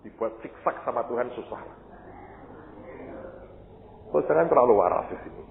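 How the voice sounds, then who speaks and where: A man's voice: medium pitch, animated, normal speed, gravelly. Male pastor, storytelling sermon, heard in a roomy hall with faint noise. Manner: storytelling, acts out dialogue, jokey asides. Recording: echoey hall, muffled phone-like sound, faint noise.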